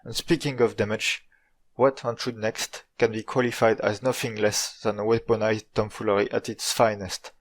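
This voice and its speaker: Man, French accent, native French speaker, lowish pitch, informal video narration, dry tongue-in-cheek storytelling. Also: little pitch movement, normal speed, poor audio. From France.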